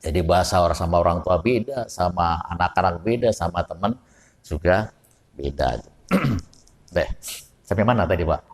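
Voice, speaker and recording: Javanese preacher in a reverberant mosque. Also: male voice, low-pitched, normal speed, pauses often. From Java. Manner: folksy, asks the audience questions. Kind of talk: mosque study sermon. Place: mosque hall.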